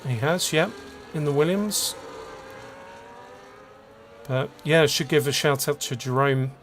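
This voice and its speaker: A man's voice: a little high, takes it slowly, a bit bright, a little hiss or hum. A man giving casual, chatty commentary on an online racing league, calling positions and penalties. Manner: chatty, laughs along, lists penalties. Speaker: race commentator.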